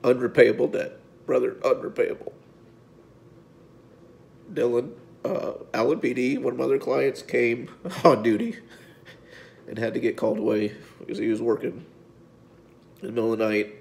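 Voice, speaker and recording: Gravelly-voiced man, emotional and halting. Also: medium pitch, flat delivery, a little mellow. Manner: halting, repeats words, speaks from the heart. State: tearful, voice breaking at times. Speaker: physique coach. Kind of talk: emotional personal video update.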